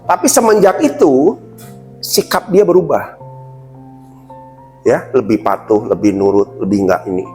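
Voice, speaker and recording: A man's voice: medium pitch, lively intonation, a little slow, long pauses, mellow, faint music behind. A middle-aged man from Indonesia giving a leadership training talk to company staff. He often addresses the audience as sir and acts out quoted staff and bosses in snappy voices. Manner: addresses the audience as Pak again and again. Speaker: corporate trainer.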